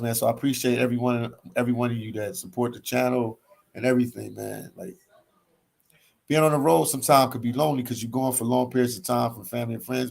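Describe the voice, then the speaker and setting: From a hostel library, a laid-back Philadelphia man, a travel vlogger, chats casually with his livestream audience, reading their comments aloud and responding. His mid-range voice is gravelly, and he often repeats phrases and ends sentences with "man."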